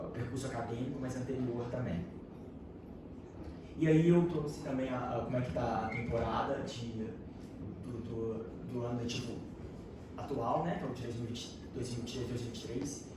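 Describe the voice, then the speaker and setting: A man with a Brazilian accent from Minas Gerais presents a workshop in an academic talk, hesitant, with many fillers and restarts. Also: mid-range voice. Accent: Brazilian Portuguese. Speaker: workshop presenter, doctoral researcher. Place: lecture hall. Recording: echoey hall from far off, noisy.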